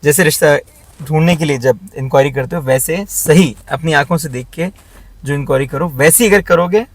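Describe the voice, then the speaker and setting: A man's voice: fairly high pitch, brisk, no echo. A man hosting his own channel, delivering an emphatic, blunt commentary that scolds his critics. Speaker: channel host. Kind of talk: opinionated commentary vlog.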